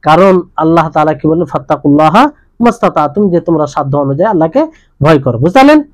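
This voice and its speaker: A man's voice: fairly high pitch, animated, fast, a little mellow, no echo, low-quality recording. A male preacher giving a religious lesson who keeps asking his listeners questions and repeating the key points. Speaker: Islamic preacher.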